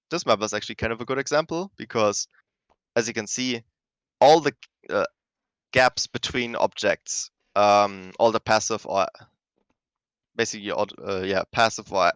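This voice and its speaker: A man's voice: fairly low pitch, fairly bright tone, no echo, poor audio. A man teaching rhythm game map design in a casual, rambling way, often correcting himself mid-sentence. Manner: rambling, self-correcting, many fillers. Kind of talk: casual explanatory lesson.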